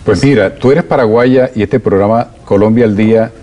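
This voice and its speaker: A man's voice: lowish voice, normal speed, warm tone. A man hosting an interview show, asking his guest questions in a conversational way. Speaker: radio show host.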